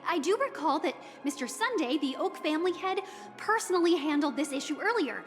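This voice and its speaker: A woman's voice: high-pitched, very animated, fairly quick, big-room sound, faint music behind. A woman playing a polite, flustered young hotel receptionist in a video game, with formal customer-service courtesy.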